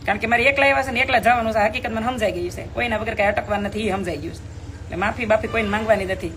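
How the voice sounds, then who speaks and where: A woman's voice: fairly high pitch, very fast, a bit bright, slight background noise. A middle-aged woman, chatting bluntly with viewers on a phone live stream, scolding and preaching.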